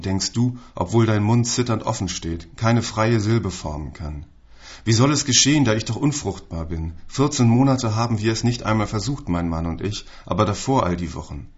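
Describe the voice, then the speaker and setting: A man with a low voice reads a literary text aloud, measured and solemn. The recording is dull and lo-fi. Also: a little mellow. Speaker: reader. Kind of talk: literary reading.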